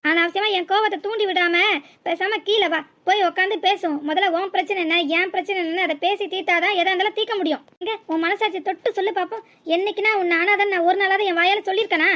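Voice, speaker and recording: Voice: extremely high pitch, steady tone, fast talker, sharp tone. A performer voicing a blunt, exasperated village husband in a cartoon, with a southern Tamil Nadu accent and a scolding, lecturing manner. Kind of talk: cartoon voice acting.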